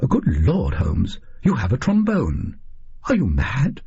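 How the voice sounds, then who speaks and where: Man as flustered, husky Doctor Watson. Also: medium pitch, wildly swooping pitch, takes it slowly, warm tone, highs cut off, exaggerated voice. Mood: startled. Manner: stammering, incredulous, formal. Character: earnest, easily flustered male Victorian doctor, loyal sidekick.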